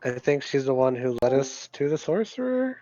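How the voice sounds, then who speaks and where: A man playing a tabletop role-playing game, phrasing things haltingly and deliberately, in and out of character. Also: medium pitch, sing-song, mellow, no echo, muffled recording. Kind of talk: casual game play, speaking in and out of character. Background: music.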